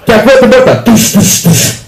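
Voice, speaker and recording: High-voiced man doing live stand-up. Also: animated, creaky. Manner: rapid storytelling, acting out both sides of dialogue. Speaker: stand-up comedian. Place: comedy club on stage. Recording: echoey live club. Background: audience laughing.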